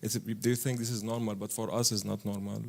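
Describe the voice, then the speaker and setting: A man from Syria speaking on a panel, halting, with many fillers and restarts. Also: fairly low pitch, little pitch movement, vocal fry. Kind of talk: panel discussion.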